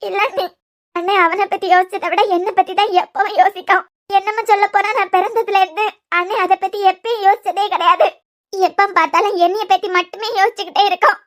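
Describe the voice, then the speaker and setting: A woman's voice: extremely high pitch, steady tone, fast, a bit bright. A woman voicing a tearful young bride, the younger sister, in a cartoon series, pleading emotionally with a Kanyakumari Tamil accent.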